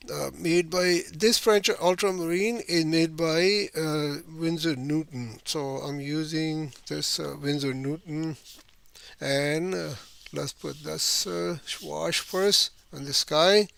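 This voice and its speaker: A man's voice: a little high, fairly bright tone, clear, resonant tone, no echo. A man teaching watercolor, rambling. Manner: rambling, many fillers and tag "right?". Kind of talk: painting lesson demonstration.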